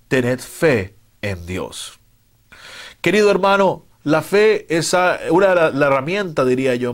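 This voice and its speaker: A man preaching a sermon in a fervent, emphatic way, with some hesitant fillers between his points. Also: medium pitch. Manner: fervent, rising to loud emphatic retellings.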